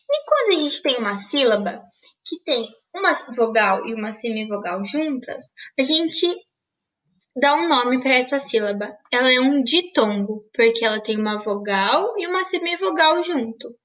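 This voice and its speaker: A woman's voice: sits high, expressive, a little slow, a bit bright, recorded from a distance, muffled recording. A woman teacher giving an online grammar lesson, asking questions and answering them herself. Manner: didactic, asks and answers her own questions.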